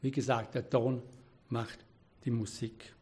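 A man's voice: mid-range voice, flat delivery, unhurried, a little mellow, slightly rough. A man preaching a sermon, earnest and exhorting, quoting scripture with emphasis.

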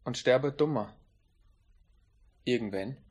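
A man preaching a sermon in an emphatic way, slowing down on key phrases. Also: mid-range voice, breathy edge.

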